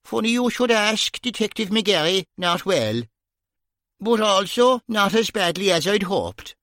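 A wordy, pompous detective with a Kerry accent, as a male narrator puts him on in an audiobook. He draws out his slow, formal sentences in a raised voice. The recording is close and dry. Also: high-pitched, animated, a bit bright, no echo, voice pushed up, heavily acted. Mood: droll. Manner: slow, formal, drawn-out phrasing.

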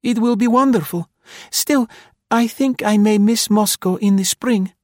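A man putting on a soft, wistful young woman. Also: a little slow, no room sound, clean studio sound. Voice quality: high, airy put-on voice. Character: young Russian woman, hopeful and affectionate. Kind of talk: storybook reading.

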